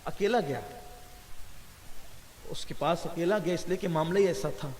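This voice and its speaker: A male preacher telling a story in a sermon to a gathering, impassioned and swelling louder at the religious high points. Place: large gathering hall. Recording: reverberant hall with faint hiss.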